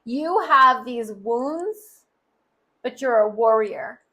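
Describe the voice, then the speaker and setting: A woman's voice: a little high, expressive, takes it slowly, a bit bright. A woman giving a tarot card reading, speaking earnestly and straight to the listener. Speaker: tarot reader.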